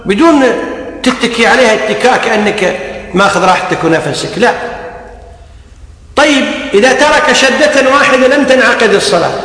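High-voiced man teaching in an echoey hall. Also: pushed and bright. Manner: recites verses slowly in a chanting tone to demonstrate; corrective, emphatic explaining. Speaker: religious teacher. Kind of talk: Islamic jurisprudence lesson.

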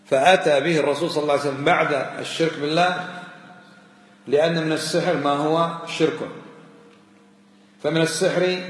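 A man's voice: fairly high pitch, fairly bright tone. A man preaching a sermon, admonishing his listeners with rhetorical questions and repeated warnings. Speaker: Islamic preacher. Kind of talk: sermon lecture. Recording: echoey hall, long reverb.

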